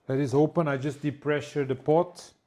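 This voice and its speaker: Relaxed man talking through a recipe. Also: a little high. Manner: relaxed, halting, with many fillers. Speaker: home cook. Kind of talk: casual cooking demonstration.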